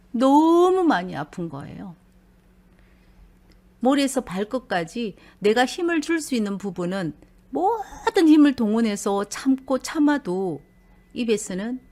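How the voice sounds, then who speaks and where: A woman's voice: on the high side, darkish tone. A middle-aged woman narrating a personal story in a confiding, conversational way.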